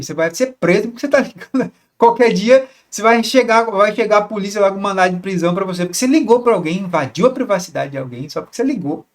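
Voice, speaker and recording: A man, coaching couples on communication in a casual, conversational teaching monologue full of rhetorical questions. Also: high-pitched. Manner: conversational, repeats words, asks rhetorical questions. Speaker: relationship coach.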